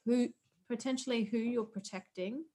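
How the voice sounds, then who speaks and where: A woman's voice: fairly high pitch, moderate pace, dark tone. A woman co-hosting a podcast, speaking earnestly and supportively, giving advice. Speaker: podcast co-host. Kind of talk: casual chat.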